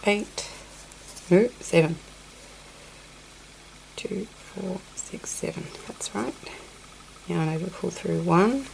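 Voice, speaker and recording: A woman with a cold, sniffling through a hands-on crochet tutorial, shows her hands up close, counts stitches quietly and tosses in apologetic asides. She sounds on the low side, creaky and darkish, with slight background noise in a low-quality recording.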